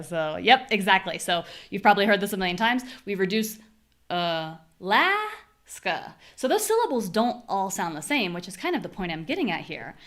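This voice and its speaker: An American woman teaching a live pronunciation class online, with a voice of ordinary pitch for a woman. She explains patiently and drills stress by drawing syllables out and punching the strong ones. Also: fairly bright tone. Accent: General American. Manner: demonstrates word stress by exaggerating syllables.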